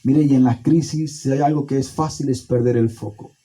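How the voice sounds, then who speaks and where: Male pastor delivering a sermon: dark, husky voice, emphatic pauses, repeats phrases. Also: mid-range voice, fairly even intonation, low-quality recording. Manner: preaching with emphatic pauses and repetition.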